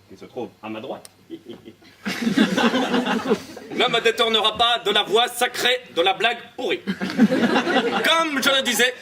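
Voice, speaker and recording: A young student man giving a comic speech in a low, mock-solemn confiding way. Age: young adult. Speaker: student debater. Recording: noisy room, mic far off.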